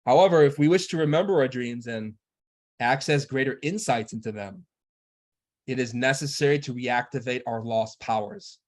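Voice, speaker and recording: A man delivering a spiritual lecture in a measured, earnest instructional manner. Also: medium pitch.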